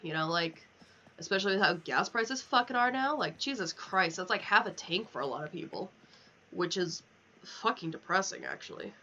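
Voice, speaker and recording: This young American woman streams a video game while rambling casually, chatty and unfiltered with constant swearing. Her lowish voice is animated, pushed and bright at a normal speed. A dull lo-fi mic captures her along with clear background noise.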